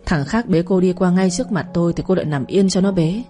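A woman's voice: on the low side, fast talker, dark tone, faint music behind, lightly acted. A woman voicing a jealous, controlling young husband in a spoken story, with harsh, curt lines. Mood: scolding.

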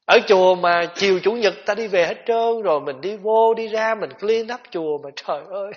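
A man giving a gentle, conversational Buddhist dharma talk, with rhetorical questions for his listeners. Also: high-pitched, brisk. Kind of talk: sermon. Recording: dull lo-fi tape recording.

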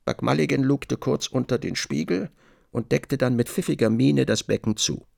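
Measured male radio drama narrator. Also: medium pitch, vocal fry, a little mellow, dry recording, studio quality. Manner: measured, descriptive reading. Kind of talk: scripted literary narration.

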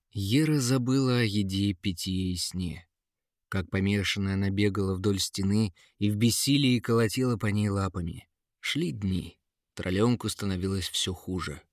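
A man narrating a fairy tale in a dramatic, measured way, close to the mic. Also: lowish voice, no room sound. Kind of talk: storybook narration.

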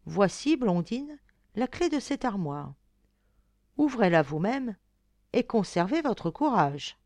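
A woman voicing a kind fairy-tale fairy and mother, speaking softly, gravely and caressingly. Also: mid-range voice, sing-song, takes it slowly, no echo. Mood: tender.

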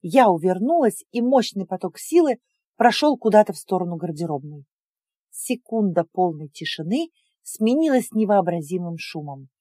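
Expressive woman narrating an audiobook. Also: mid-range voice, slightly rough, dry recording. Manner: expressive, emotional storytelling. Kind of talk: first-person audiobook narration.

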